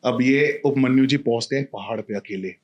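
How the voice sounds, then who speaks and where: A man's voice: medium pitch, moderate pace, muffled recording. A man telling a mythological story casually, full of animation and voicing each character himself. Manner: animated, acts out every character.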